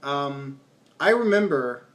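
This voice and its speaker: A man giving a casual spoken film commentary, rambling, restarting his sentences, and trailing off into low mumbles at the ends of phrases. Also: expressive, slow pace, fairly bright tone. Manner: rambling, with many restarts and ums. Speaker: film review vlogger.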